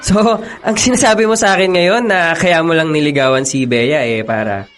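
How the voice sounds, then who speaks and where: In a radio drama, an actor plays a young man in college who teases his buddy and laughs along with him often. His voice is on the high side and a bit bright, at normal speed, close to how someone talks every day, with a teasing mood.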